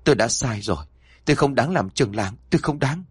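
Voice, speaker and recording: A man's voice: mid-range voice, expressive, fast talker, husky, dry recording. A man voicing an older male village chief who stammers in fear and confesses his fault remorsefully in an audio story.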